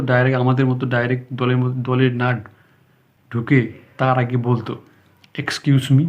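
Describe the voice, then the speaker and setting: A man teaching spoken English, speaking slowly and deliberately, often checking that listeners follow, unscripted and sometimes stumbling, with a Bengali accent. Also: mid-range voice. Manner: slow, deliberate explaining with frequent checks. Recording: slightly dull sound, faint background music.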